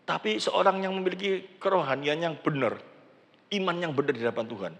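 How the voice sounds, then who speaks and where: Older man, pastor, sermon, gravelly, lively pitch, reverberant church hall. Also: brisk. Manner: animated preaching, acts out quoted prayers, mixes in Javanese words. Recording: church sound system with long hall reverb.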